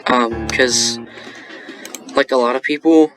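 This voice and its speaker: A man's voice: medium pitch, slow, over music. A young man casually explaining how he made a beat, rambling with lots of fillers and self-corrections. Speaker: beat-making tutorial host. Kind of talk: casual screen-recorded tutorial.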